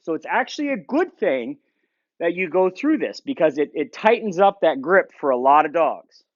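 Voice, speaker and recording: A man giving a dog training lesson in a shop, calmly explaining between short commands to the dog. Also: on the high side, normal speed, dry recording, highs cut off. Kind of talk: instructional training video. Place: indoor shop.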